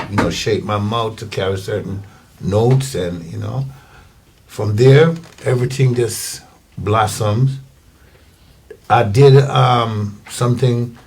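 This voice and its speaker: An older man with a Jamaican accent, a guest singer telling his story in a relaxed, rambling way in an interview. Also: on the low side, slightly rough. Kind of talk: casual interview.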